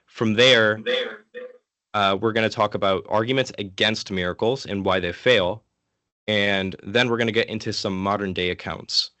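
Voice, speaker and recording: A man giving an informal, interactive lecture in a casual, conversational way, sick and low on energy. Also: steady tone, moderate pace, sharp tone, no echo. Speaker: guest lecturer from an online ministry.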